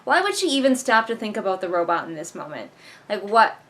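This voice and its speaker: A woman hosts a casual read-along video, reviewing a book with exasperated, sarcastic remarks. Her medium-pitched voice is sing-song and fairly bright, and she speaks fairly quickly.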